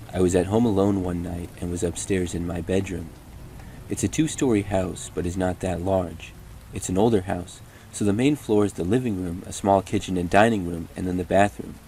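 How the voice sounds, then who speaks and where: Low-voiced guy reading scary stories, calm even telling, slight hiss behind. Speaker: horror story narrator. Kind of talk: first-person scripted narration.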